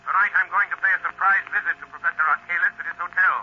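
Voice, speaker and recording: A husky, mysterious man of the shadows, speaks with calm, deliberate authority and a mocking edge. It is theatrical 1930s radio drama, muffled with age. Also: high-pitched. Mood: grave, decisive. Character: mysterious male crime-fighter lurking in shadows, calm, mocking.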